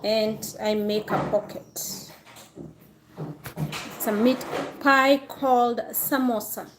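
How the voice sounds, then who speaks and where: Slow-talking woman demonstrating a recipe. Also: on the high side, steady tone, background noise. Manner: slow, step-by-step instructing. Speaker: cooking channel host. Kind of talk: cooking demonstration.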